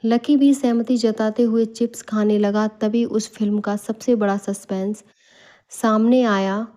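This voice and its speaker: A woman storyteller in scripted narration, reading a bedtime story calmly and evenly. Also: fairly high pitch, unhurried.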